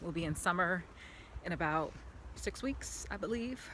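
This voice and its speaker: A woman's voice: lowish voice, lively intonation, normal speed, sharp tone, a little hiss or hum. A woman vlogging casually while walking on an outdoor park path, chatty and rambling, filling her talk with "like", speaking into a handheld camera. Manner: chatty, rambling, lots of "like" fillers; talking while walking uphill.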